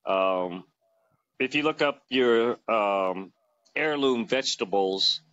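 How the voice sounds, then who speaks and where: This is a man in his fifties on a phone held close to his face in a small room, chatting loosely as an interview guest with plenty of fillers and restarts. His mid-range voice moves slowly and sounds a bit bright. The audio has no echo but comes across dull.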